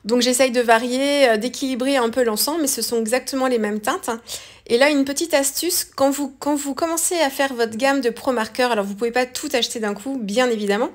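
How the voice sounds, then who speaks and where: A woman's voice: sits high, a little fast. A woman talking through a coloring tutorial in a casual, hesitant way, with many fillers and self-corrections. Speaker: craft tutorial host. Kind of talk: casual voice-over art tutorial.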